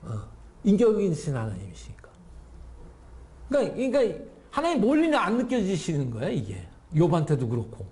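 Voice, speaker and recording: Male lecturer, lively and blunt, mellow voice pitched a bit high, acts out lines as he teaches. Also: brisk. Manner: animated, acts out divine speech in blunt casual Korean; frequent restarts and repeated words. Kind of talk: Bible lecture.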